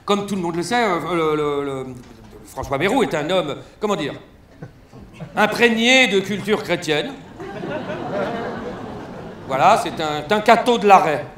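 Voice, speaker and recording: High-voiced man mocking in a roomy hall. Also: measured pace, long pauses, a little hiss or hum. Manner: animated, mocking storyteller with crude jokes. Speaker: stand-up comedian. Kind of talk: satirical stand-up press review. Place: large concert hall stage. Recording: roomy live hall sound.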